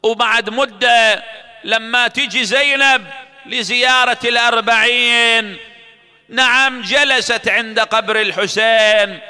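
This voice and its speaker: A man's voice: extremely high pitch, steady tone, a little slow, bright, forceful tone, clear, resonant tone, in a large hall. A man reciting a mournful religious elegy in a dramatic, lamenting way, partly chanted. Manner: dramatic, tearful lamenting delivery.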